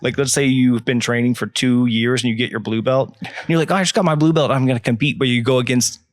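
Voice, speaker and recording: A man's voice: medium pitch, steady tone, fast, no room sound, studio quality. Easygoing man in his thirties. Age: 30s. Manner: easygoing, explanatory, frank. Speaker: guest, gym owner and coach. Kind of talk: casual chat.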